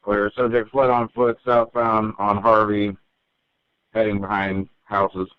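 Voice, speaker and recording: Guy dispatcher on police radio, lowish voice, tinny dry sound, clipped calls. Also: flat delivery, takes it slowly, smooth, no echo. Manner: clipped, methodical readouts of units and addresses. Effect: police radio transmission.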